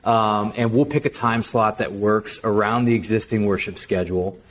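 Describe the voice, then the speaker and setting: A man's voice: fairly low pitch, fairly even intonation, normal speed, a bit bright. A man hosting an interview, asking questions and affirming the guest's answers with enthusiasm.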